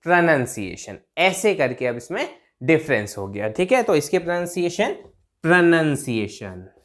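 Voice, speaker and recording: Lively male teacher drilling pronunciation. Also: on the high side. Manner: repeats words slowly, drawn out, checks in with "theek hai?"; writes on a board while talking. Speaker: English teacher. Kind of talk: pronunciation lesson.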